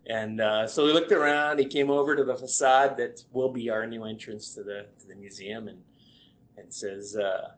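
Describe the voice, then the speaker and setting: A man's voice: medium pitch, fairly even intonation, normal speed, slight background noise. A man co-hosting a podcast who tells a rambling anecdote in casual chat, full of "uh" and "I says". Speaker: podcast co-host and museum staffer. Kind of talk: casual storytelling.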